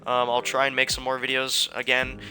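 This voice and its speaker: Bright-voiced young man, rambling tutorial. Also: medium pitch, monotone, brisk, soft background music. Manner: rambling, filler-heavy, informal. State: out of breath. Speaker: gaming tutorial creator. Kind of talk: casual screen-recorded tutorial.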